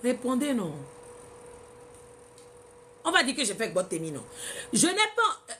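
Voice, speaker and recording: A woman speaking at a church women's gathering, giving an animated testimony that acts out quoted dialogue and puts questions straight to the audience. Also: on the high side, unhurried, slight background noise.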